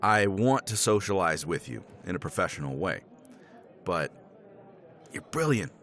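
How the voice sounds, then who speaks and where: In a romance roleplay, a man plays a middle-aged professor tipsy from scotch who rambles persuasively, chuckling and swearing casually. His deep voice is sing-song, unhurried and a bit bright, and the performance is heavily acted.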